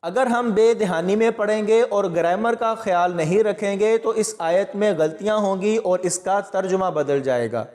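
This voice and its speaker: A man's voice: high-pitched, few pauses, darkish tone, long reverb tail. A man teaching Quran recitation, explaining pronunciation patiently and methodically, step by step. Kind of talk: step-by-step tajweed lesson.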